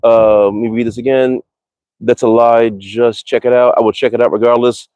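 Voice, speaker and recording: A man's voice: mid-range voice, flat delivery, normal speed, darkish tone, no room sound. A man livestreaming outdoors about his bows, talking casually, rambling and swearing freely as he reads viewer comments. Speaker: archery livestreamer. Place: outdoors in a cold, windy backyard.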